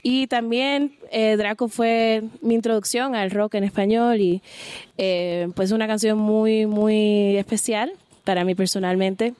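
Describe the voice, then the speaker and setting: Woman musician with a smooth voice. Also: medium pitch, dry recording. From Puerto Rico. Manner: relaxed, speaks in halting phrases with fillers. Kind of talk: casual interview about the songs.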